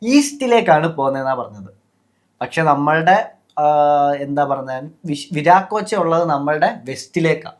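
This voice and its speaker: Podcast host, Malayali man, slightly high pitch, loose conversational delivery. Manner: chatty, mixes English words into speech, many fillers. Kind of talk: casual explanatory talk.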